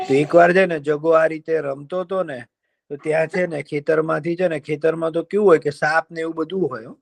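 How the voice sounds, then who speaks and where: Chatty man with a gravelly voice. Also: a little high. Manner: folksy and chatty, fillers, lively voices for characters. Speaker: children's storyteller. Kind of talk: telling a folk tale to children.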